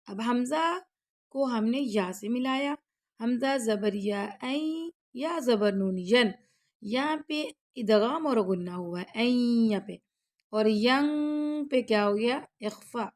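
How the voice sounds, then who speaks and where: A woman teaching Quran recitation rules, who chants each verse slowly and loudly and then explains quickly and softly, often checking that the learner follows. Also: a little high, expressive. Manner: checks in with the listener after each rule.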